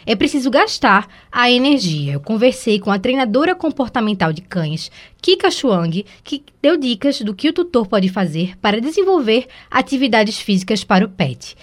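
A woman explains pet behavior on a radio show, in a chatty and friendly way. Her voice sits a bit high. Her pitch moves animatedly. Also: very animated, moderate pace, few pauses. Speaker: pet columnist.

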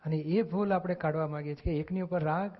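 A spiritual discussion speaker, his voice a touch high for a man, gives an earnest religious explanation at a quick pace with a steady tone. Now and then he acts out brief bits of dialogue, and the audio is dull and lo-fi.

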